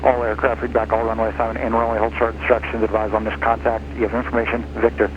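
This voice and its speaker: A male voice reading an airport weather broadcast, heard over a cockpit radio with a flat, clipped readout of figures. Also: fairly low pitch, fast talker. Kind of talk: recorded information broadcast. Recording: muffled radio over engine noise.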